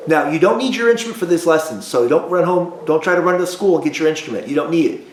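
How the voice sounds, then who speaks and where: A male music teacher giving a recorded lesson to young students, drilling them with call-and-response prompts and slow repetition. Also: fairly high pitch, lively intonation. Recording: echoey room.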